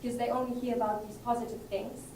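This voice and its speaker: A woman's voice: a little high, little pitch movement, fast talker, warm tone. A young woman from Germany giving an earnest, emphatic student presentation at a conference. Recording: roomy hall, distant mic, faint noise.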